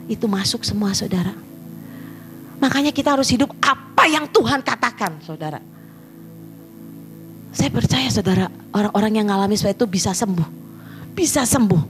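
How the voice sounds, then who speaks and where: A woman pastor preaching a sermon in an animated way, often turning to address the congregation directly. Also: mid-range voice, moderate pace, pauses often, faint music behind.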